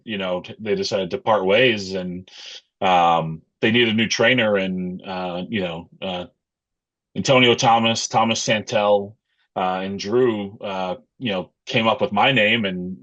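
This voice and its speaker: A middle-aged American man with a lowish voice chats as an interview guest. He talks in a halting, thoughtful way, feeling for his words. The audio is slightly dull and lo-fi. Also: steady tone, a bit bright. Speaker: interview guest, pro wrestler and wrestling coach. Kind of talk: casual interview chat.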